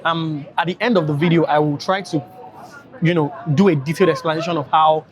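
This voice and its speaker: A man's voice: a little high, fairly even intonation, fairly quick. A tired man with a Nigerian accent, chatting casually to camera as a travel vlogger, rambling with many fillers.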